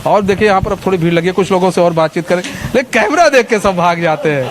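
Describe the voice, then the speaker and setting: A man's voice: high voice, background noise. A man reporting on the street, talking to camera and questioning traders outdoors. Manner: brisk, talks to camera, asks leading questions. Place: outdoors on a cold market street.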